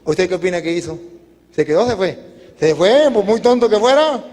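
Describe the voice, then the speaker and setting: A priest preaching at a retreat, telling Bible stories in a lively way and acting out the characters. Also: male voice, sits high, brisk, slight background noise. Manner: animated storytelling, acting out characters' voices. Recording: long reverb of a large hall.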